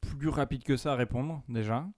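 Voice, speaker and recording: A young man co-hosting a podcast, answering in a deadpan tone with quick comebacks. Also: mid-range voice. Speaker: podcast co-host. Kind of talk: casual chat.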